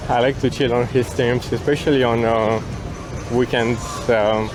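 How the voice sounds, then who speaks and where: A Romanian IRL streamer strolls outdoors through a city square and promenade, casually chatting with viewers and thanking them by name in a relaxed way. His voice is medium-pitched with fairly flat intonation and a measured pace. Music plays nearby amid a noisy background.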